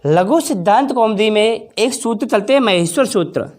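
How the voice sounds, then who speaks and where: A woman teacher giving a slow, careful exam-prep grammar lesson in Hindi, drawing out vowel sounds as examples and talking to viewers as friends. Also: fairly high pitch, animated, darkish tone, a little hiss or hum. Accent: Hindi, from northern India. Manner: addresses viewers as friends, anticipates their questions.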